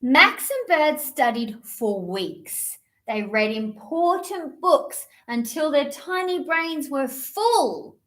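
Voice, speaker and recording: Reading picture books to young kids at storytime, this woman's voice sits high, and her delivery is expressive and deliberate.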